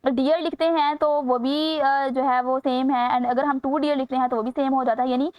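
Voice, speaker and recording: High-voiced woman teaching grammar. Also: steady tone, moderate pace, a little mellow, no room sound. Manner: explains step by step, repeats key phrases. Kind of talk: exam grammar lesson. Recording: dry, slightly dull sound.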